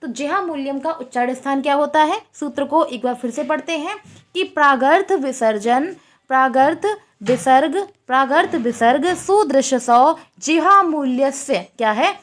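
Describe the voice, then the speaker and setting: A woman's voice: high-pitched, moderate pace. A woman teaching a Sanskrit exam-prep lecture, asking questions and repeating the answers.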